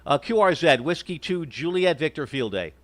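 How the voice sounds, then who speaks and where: Polite guy running ham radio contacts, voice a bit high, pausing between call signs. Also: expressive, noisy background. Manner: courteous, hesitant with pauses. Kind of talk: procedural radio exchange with phonetic call signs.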